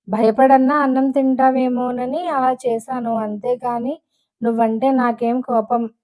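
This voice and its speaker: Woman reading remorseful young husband, earnest, pleading, mellow, audiobook. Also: a little high, close to an everyday voice.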